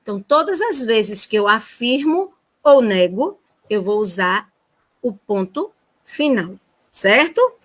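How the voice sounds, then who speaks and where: A woman's voice: on the high side, very animated, slow pace. A Brazilian woman teacher giving a remote lesson to first graders in a sing-song, child-directed way. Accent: Brazilian Portuguese.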